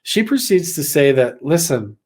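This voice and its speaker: A man's voice: medium pitch, moderate pace. Man from Idaho, casual storyteller, rambling with lots of "like", mid-range voice. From Idaho, USA. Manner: rambling, many "like" fillers, acts out quotes. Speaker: vlogger recounting a personal experience.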